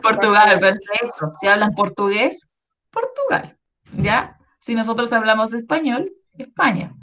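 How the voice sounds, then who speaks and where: Her voice is a little high and animated, with a sharp tone and a measured pace. This Chilean history teacher explains a lesson to schoolchildren over an online class, staying patient and frequently checking in with "¿ya?" to make sure they're following.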